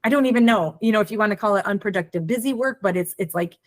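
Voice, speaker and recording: A woman's voice: medium pitch, very fast. Forties woman, podcast host, reflective and conversational, voices her own inner thoughts. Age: 40s. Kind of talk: casual chat.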